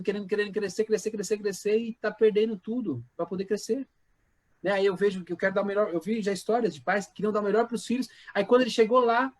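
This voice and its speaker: A Brazilian pastor with a high-sitting voice leads an informal church Bible class in a conversational style. He repeats words and puts questions to the class.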